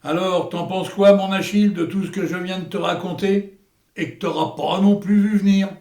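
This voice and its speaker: A man's voice: fairly high pitch, expressive, unhurried, vocal fry, darkish tone. A man playing a boastful old war veteran in a theatrical comedy, with a hammy stage actor's florid delivery. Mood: exasperated, declamatory. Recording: echoey room.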